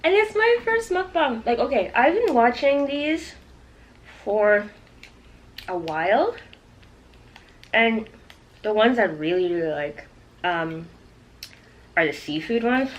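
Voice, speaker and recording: In this rough recording, a Toronto woman who vlogs on YouTube tells a story in a casual, conversational way, addressing her viewers directly. Her voice is fairly high with big swings in pitch, and she talks slowly with long pauses.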